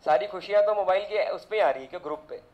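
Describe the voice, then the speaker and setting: Man, physics teacher, high-pitched voice, chatty rambling lecture, rhetorical questions. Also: quick pace, muffled recording. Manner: chatty, drifts into side rants with rhetorical questions. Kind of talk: casual classroom lecture.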